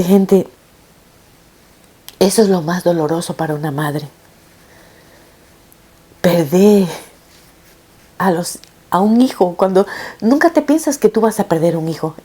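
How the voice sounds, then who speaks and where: A middle-aged woman, a mother, telling her viewers a painful personal story in an emotional, halting way, with frequent restarts. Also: on the low side, animated, mellow. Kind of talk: personal testimony told to viewers.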